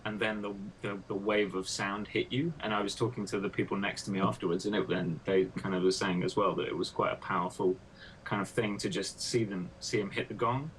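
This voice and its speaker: Low-voiced man interviewing, rambling. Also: steady tone, fairly quick, a bit bright, slight background noise, poor audio. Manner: rambling, thinking aloud with fillers. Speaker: interviewer, PhD student. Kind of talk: casual research interview.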